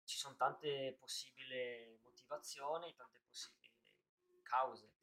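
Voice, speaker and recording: A man's voice: medium pitch, steady tone, unhurried, sharp tone. A man in casual live-stream talk, thinking aloud in long rambling answers full of restarts.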